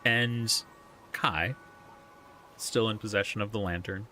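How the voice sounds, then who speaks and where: A man's voice: on the low side, slow pace, sharp tone, slight background noise. A man narrating as dungeon master in a live tabletop game, loose and often laughing.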